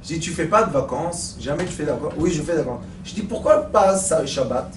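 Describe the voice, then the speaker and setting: High, animated rabbi teaching a class. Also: male voice, brisk, noisy background. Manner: animated, acting out stories, addressing the audience with questions. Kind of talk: Torah lesson with joke storytelling. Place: lecture room at a study centre. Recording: echoey room, mic far off.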